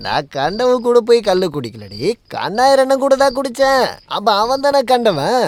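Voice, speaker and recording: A bumbling comic servant. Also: male voice, extremely high pitch, very animated, a little slow, full character voice. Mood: tipsy rambling. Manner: rambling and whiny, later tipsy. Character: simple-minded male servant, comic and bumbling. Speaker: dubbed film actor. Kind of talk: dubbed film dialogue.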